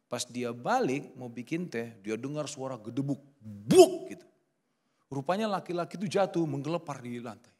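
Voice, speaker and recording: A middle-aged pastor preaches at a church service in a medium-pitched voice at a moderate pace. He tells stories with lively energy, acting out the quotes.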